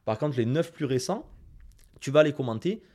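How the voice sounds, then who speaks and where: A man with a Toulouse accent, a guest on a podcast, giving direct and lively marketing advice straight to the listeners. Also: mid-range voice, normal speed. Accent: Toulouse (southern French). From Toulouse, France. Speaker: guest, Instagram marketing expert. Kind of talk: casual podcast interview.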